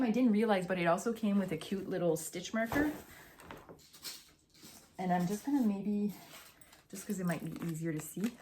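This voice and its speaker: Young woman hosting a casual podcast, tired, gushing and chatty, slow delivery, mid-pitched. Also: mellow, a little hiss or hum. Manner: chatty and gushing, with fillers and restarts. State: tired after a morning run. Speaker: podcast host. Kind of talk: casual knitting podcast chat.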